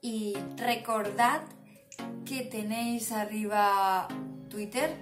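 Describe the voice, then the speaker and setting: This young book vlogger, Castilian-accented, talks slowly and steadily in a medium-pitched voice as she rambles to the camera. Music plays in the background of her small home room, which sounds echoey and has clear background noise.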